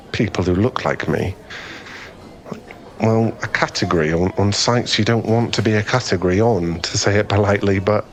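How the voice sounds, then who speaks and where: In this ASMR boyfriend roleplay, a fairly low-pitched man voices an easily flustered, friendly young guy, with slight noise in the background. He rambles, hesitates and puts himself down, coming across as shy and candid.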